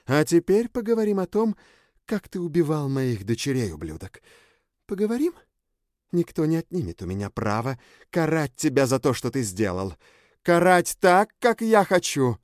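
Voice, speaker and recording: A man's voice: fairly high pitch, sing-song, moderate pace, a little mellow, no room sound, studio quality, voice pushed up. A man voicing a vengeful, cruel, commanding woman who gloats and gives orders. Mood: menacing. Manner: menacing, domineering orders.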